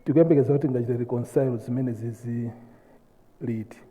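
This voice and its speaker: A man's voice: mid-range voice, fairly even intonation, fairly quick, warm tone. A man with a Malawian accent, a reporter putting formal questions at a press conference, mixing two languages. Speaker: newspaper reporter. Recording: echoey hall, thin phone-like sound.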